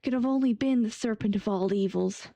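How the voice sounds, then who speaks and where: A woman's voice: mid-range voice, fairly quick, dark tone, no room sound, natural voice. A woman voicing a nervous, earnest young male apprentice with a put-on Southern drawl, reading the game's lines aloud on a stream.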